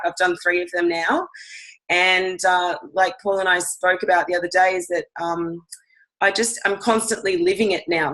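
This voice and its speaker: A woman with a husky, hoarse voice and a slightly low pitch tells her story in a loose, rambling way. She fills her talk with ums. The sound is that of a video call. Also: a bit bright, low-quality recording. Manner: rambling, chatty, with frequent ums. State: hoarse from teaching classes all day. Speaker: guest sharing a product story. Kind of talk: casual testimonial chat.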